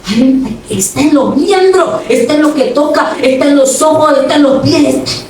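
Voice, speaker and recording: A woman preaching a lively sermon in a church hall, playful and dramatic, acting out everyday scenes and calling her listeners brother. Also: high voice, a little slow, a little hiss or hum. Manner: addresses the congregation directly as brother. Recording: echoey hall from far off.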